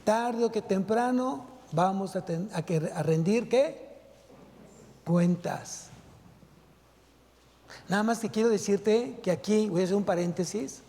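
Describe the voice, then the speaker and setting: A male pastor delivers a sermon with a high-pitched yet mellow voice. He presses his listeners with emphatic rhetorical questions as he preaches. The sound rings with the long reverb of a church hall. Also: takes it slowly, vocal fry, pauses often. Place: church sanctuary.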